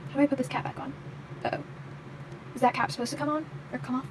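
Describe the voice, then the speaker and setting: A young woman with a fairly high voice talks through a toy unboxing in a loose, chatty way, filling pauses with "like" and "um". She speaks from behind a handheld phone camera. A steady noise sits under the recording. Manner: chatty, many fillers like "like" and "um". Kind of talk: casual unboxing show-and-tell. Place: indoors at a toy vet clinic playset. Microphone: handheld phone camera, speaker off screen. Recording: audible background noise.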